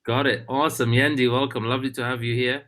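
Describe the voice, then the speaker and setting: A man hosting an online webinar over a video call, talking in a casual, halting way with many fillers and restarts. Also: medium pitch, little pitch movement, a bit bright. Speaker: webinar host.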